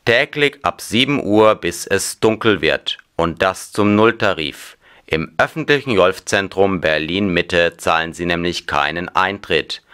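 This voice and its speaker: Actor as deep smooth radio promo guy, scripted. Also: fairly bright tone. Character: radio announcer promoting a local leisure event.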